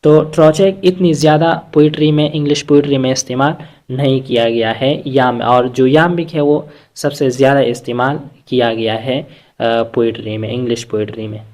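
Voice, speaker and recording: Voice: medium pitch, steady tone, moderate pace, darkish tone. A teacher giving an explanatory lecture on poetic metre, hesitant, with frequent filler sounds and restarts, and answering their own rhetorical questions. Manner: asks rhetorical questions, then answers them.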